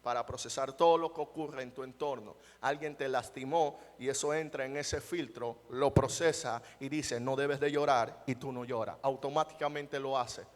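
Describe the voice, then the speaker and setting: A man's voice: medium pitch, steady tone, moderate pace, few pauses. A male pastor preaching a sermon, emphatic, often asking the congregation rhetorical questions. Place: church. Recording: long church hall reverb.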